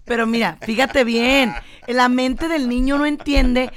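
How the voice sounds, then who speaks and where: A woman's voice: high-pitched, a little slow. A woman, a psychologist on a casual talk show, teasing her co-host and giving frank advice to viewers. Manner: lively, teasing, gives advice directly to viewers.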